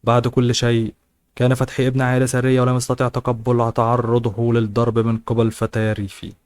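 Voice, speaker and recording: Fast, flat-voiced male audiobook narrator. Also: mid-range voice, clear, resonant tone. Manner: steady, flat reading with occasional restarts. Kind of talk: novel reading.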